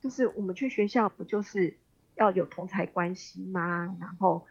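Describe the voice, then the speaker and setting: Taiwanese-accented woman, husky, slightly muffled sound. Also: on the low side, moderate pace. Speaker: expert guest, special education professor. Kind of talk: radio interview, explaining conversationally.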